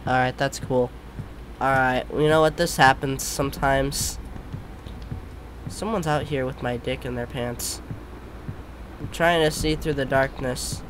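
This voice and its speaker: A man doing jumpy, scared horror game commentary as a streamer, yelling and swearing freely. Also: mid-range voice, steady tone, measured pace, pauses often, slight background noise, low-quality recording. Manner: foul-mouthed. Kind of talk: let's play commentary.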